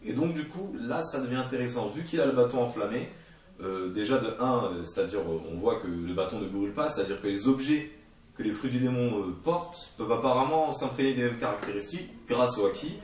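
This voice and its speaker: A man's voice: mid-range voice, a little fast. Man, casual video commentary, hesitant and rambling, voice far from the mic, very echoey room. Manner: rambling, hesitant, many fillers and restarts; excitable, playful asides. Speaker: manga review video host.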